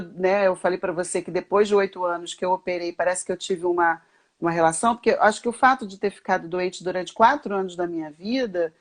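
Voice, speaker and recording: A woman with a Brazilian Portuguese accent, a children's speech therapist speaking as a guest in a casual conversation, reflective and halting, with many restarts. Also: mid-range voice.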